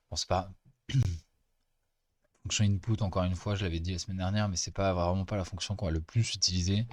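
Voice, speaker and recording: A male teaching assistant walks through code in a casual screen-recorded lesson, chatty and pausing often as he explains. His voice is deep and a little mellow. There's no room sound in the recording.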